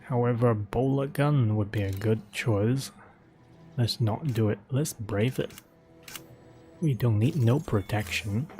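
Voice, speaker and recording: A man's voice: mid-range voice, slow pace, a little mellow, faint music behind. A man streaming a video game, talking himself through his choices in a casual, thinking-aloud commentary.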